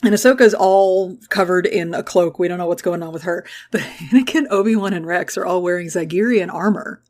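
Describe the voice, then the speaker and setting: A young adult woman hosting a podcast, recapping a show in casual chat, profane and giggly with quick asides. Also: on the low side, darkish tone. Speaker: podcast host.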